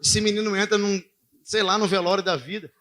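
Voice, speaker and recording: A man's voice: sits high, steady tone, fairly quick, sharp tone. A married man preaching a sermon, telling a story to his congregation in a conversational way and calling listeners brother and pastor. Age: adult, married father.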